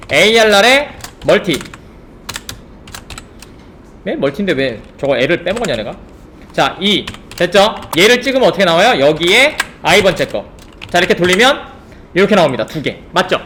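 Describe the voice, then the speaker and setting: Male coding instructor, lively animated delivery, roomy room, faint keyboard typing behind. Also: sits high, slight background noise. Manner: rhetorical questions, checks understanding often. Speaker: programming instructor. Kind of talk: live coding lecture.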